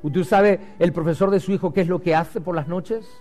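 A man preaching a sermon as pastor, swinging loud and rising to low and quiet. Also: moderate pace, soft background music.

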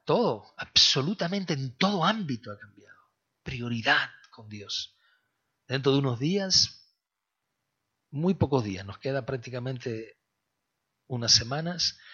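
A male pastor preaching a sermon emphatically, swinging between loud exhortation and hushed prayer. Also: medium pitch, husky. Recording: dull lo-fi sound.

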